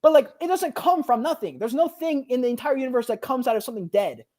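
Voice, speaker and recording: As a podcast guest, a young man tells a story in a loose, slangy, unscripted way, saying "bro" often and acting out the people in it with big pitch swings. He's animated and talks at a quick pace.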